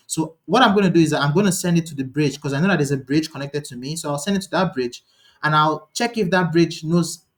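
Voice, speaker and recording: A fast-talking man leads a live online lecture in a slightly higher-pitched voice. He thinks aloud as he goes and often restarts his sentences. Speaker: instructor.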